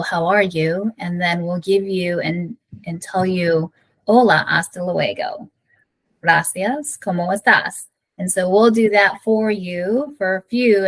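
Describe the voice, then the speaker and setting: A woman's voice: mid-range voice, poor audio. A woman co-hosting a casual online session, explaining the next steps plainly and encouraging participation. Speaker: session co-host.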